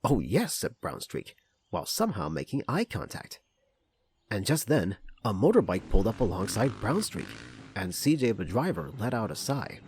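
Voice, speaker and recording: Highly animated male storybook narrator. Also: moderate pace, slight background noise. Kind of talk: storybook narration, parody of children's train tales. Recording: music behind the voice.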